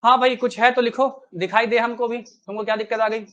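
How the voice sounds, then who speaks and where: A man's voice: extremely high pitch, flat delivery, a little fast, a bit bright, muffled recording. A man teaching a live online maths class, chatty and coaxing, who keeps quizzing his students with rhetorical questions.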